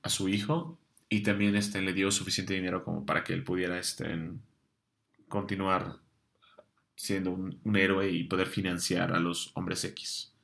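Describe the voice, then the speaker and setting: A man's voice: low voice, little pitch movement, moderate pace, vocal fry, fairly bright tone. A young man hosting a casual comics show, chatty with many fillers and restarts, answering viewer questions.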